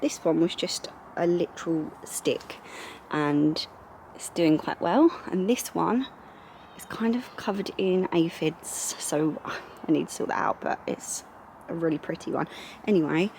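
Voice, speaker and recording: A woman's voice: fairly low pitch, expressive, measured pace, vocal fry, darkish tone, slight background noise. A young woman in casual vlog chat, rambling with lots of fillers, filmed at home on a handheld camera. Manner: chatty, rambling, many fillers. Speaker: lifestyle vlogger. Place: indoors at home.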